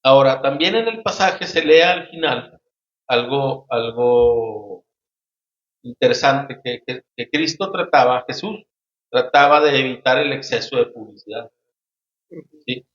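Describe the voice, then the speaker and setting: A man hosting a casual Bible study discussion, speaking haltingly with many restarts and frequent tag questions. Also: mid-range voice, fairly bright tone. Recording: roomy, dull lo-fi sound.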